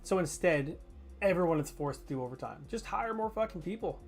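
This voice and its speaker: A man's voice: a little high, lively intonation, a little fast, gravelly, soft background music. A man chatting casually with his chat while streaming a game, joking and swearing freely. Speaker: gaming streamer. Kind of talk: casual live gameplay chatter.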